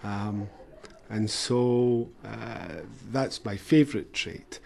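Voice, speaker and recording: A man's voice: lowish voice, extremely slow, creaky, a little mellow. A man from Scotland, speaking earnestly in a casual chat and repeating words as he starts.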